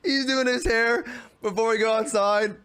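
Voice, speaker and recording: A casual, expletive-heavy male storyteller with a noticeably high-pitched voice. He talks fast and freely, exasperated and animated, with swearing throughout. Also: clean tone. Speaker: vlogger.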